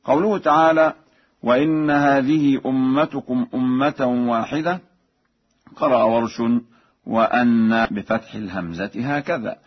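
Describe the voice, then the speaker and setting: Husky male Quran teacher on radio. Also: medium pitch. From Egypt. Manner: formal, measured delivery. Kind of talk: radio lesson on recitation readings. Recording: dull lo-fi radio broadcast.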